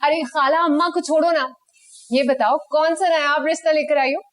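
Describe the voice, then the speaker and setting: A woman's voice: sits high, steady tone, normal speed, no echo, close to an everyday voice. An actress playing a brash, teasing young woman who wants to marry a man with a car. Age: young adult. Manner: teasing, cheeky. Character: brash outgoing young woman wanting a car-owning groom. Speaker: lead character. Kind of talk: TV drama acting.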